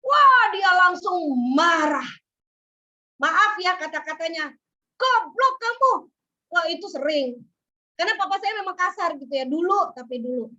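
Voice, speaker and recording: A woman preaching a sermon, telling personal stories in a lively way and acting out quoted voices. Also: extremely high pitch, moderate pace, lo-fi sound. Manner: lively storytelling, acts out quotes.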